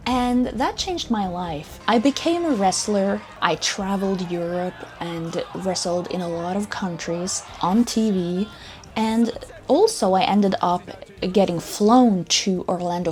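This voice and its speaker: Her voice mid-range and dark in tone, a twenty-something woman from Norway tells her personal story as a vlogger. The narration is scripted, delivered earnestly and cheerfully in a Norwegian accent.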